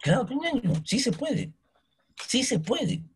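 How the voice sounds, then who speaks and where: A man's voice: extremely high pitch, very animated, measured pace, a little hiss or hum. A man teaching history, who keeps asking his listeners questions and coaxing answers. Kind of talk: recorded history lesson.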